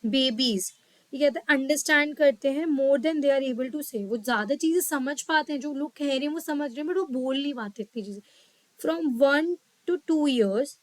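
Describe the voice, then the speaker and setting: A woman teaching a psychology lesson, reading English lines slowly and explaining them in quicker Hindi, often checking in with her listeners. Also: high voice, dry recording, poor audio. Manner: checks in with "ठीक है". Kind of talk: lecture mixing Hindi and English.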